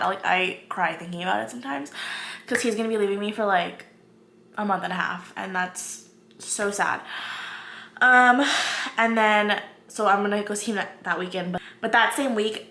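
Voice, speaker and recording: A woman in her twenties, a vlogger, rambles casually while filming herself with a handheld camera in her bedroom closet at home. She chats away, filling her speech with lots of "like" and "um." Her voice is medium-pitched, creaky and sharp, and the low-quality recording carries slight background noise.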